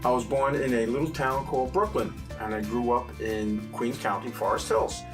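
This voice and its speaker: A middle-aged New Yorker with a New York accent, an accountant appearing as a guest, chats casually in an interview and cracks playful jokes with asides to an imagined audience. His medium-pitched voice is fairly even at a moderate pace. The recording is low quality, with music in the background.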